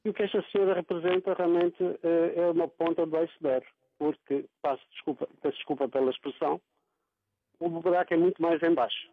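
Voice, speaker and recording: A man calling in to a TV news show, giving his opinion in an earnest, halting way. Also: fairly high pitch, steady tone, no room sound. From Angola. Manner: earnest, halting, many fillers. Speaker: caller. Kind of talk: phone-in opinion. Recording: tinny phone line.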